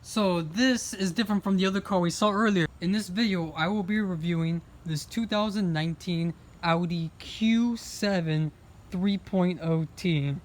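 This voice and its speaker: A man's voice: sits high, normal speed. A man giving a chatty, enthusiastic car review while recording himself on a handheld phone outdoors at a car lot. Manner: chatty, enthusiastic, pointing things out. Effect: phone video recording. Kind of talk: casual walk-around car review. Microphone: phone camera held in hand.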